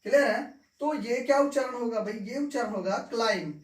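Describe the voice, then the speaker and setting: A woman with a slightly high, brisk voice gives a classroom-style English lesson, repeating each point and often asking "clear?" to make sure her students follow. The room is echoey and the mic is far away.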